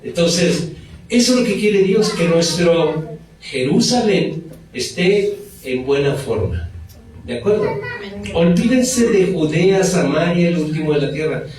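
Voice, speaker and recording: Mexican preacher, animated sermon, higher voice; far-off mic in a very echoey church, faint hiss. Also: male voice, measured pace. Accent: Mexican Spanish. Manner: lively, mimics people, asks rhetorical questions. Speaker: pastor. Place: church hall.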